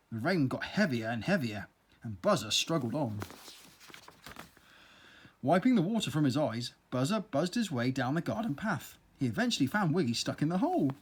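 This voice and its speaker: Brief: children's story narrator, playful, very lively pitch, slightly husky. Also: moderate pace. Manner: playful, expressive read-aloud.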